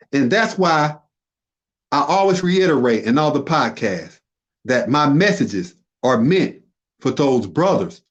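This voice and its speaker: A man, a podcast guest, delivering an impassioned religious warning full of rhetorical questions and emphatic repetition. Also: a little high. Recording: dull lo-fi audio.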